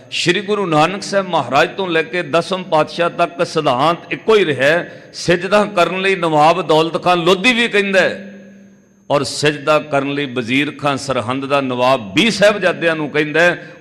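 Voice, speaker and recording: A man delivers a storytelling sermon in a raised, fairly high voice, his words trailing off into a long echo in a large hall. He recounts scenes with animated delivery. Now and then he slips into melodic chanting. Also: normal speed. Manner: animated storytelling, acting out dialogue in quotes; occasionally breaks into melodic chanting. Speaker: Sikh religious preacher.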